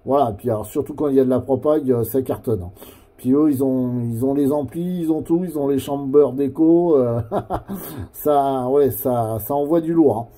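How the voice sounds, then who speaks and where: This man speaks at a medium pitch and normal speed with a dark tone and a French accent. He's an amateur CB radio operator who makes videos, chatting casually over the radio and explaining things in a rambling, hesitant way.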